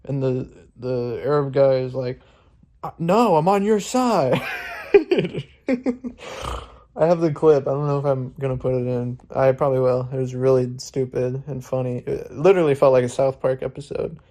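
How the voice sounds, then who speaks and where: A man's voice: mid-range voice, little pitch movement, brisk, few pauses, mellow. Young adult male vlogger, phone mic, loose rambling delivery with frequent laughs. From Florida, US. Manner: rambling, filler-heavy, laughs often. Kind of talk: casual vlog talk. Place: outdoors at a street protest, later his room.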